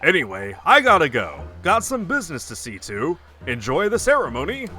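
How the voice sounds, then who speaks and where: A man's voice: on the high side, huge pitch swings, normal speed, pitched above the performer's own voice, heavily acted. A man voicing a smug, mocking ex-husband in a video game, with purposefully terrible acting and a sportscast announcer's delivery. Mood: smug dismissal. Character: smug, mocking male ex-husband, bottom feeder. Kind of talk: video game character voice-over. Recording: loud game music behind.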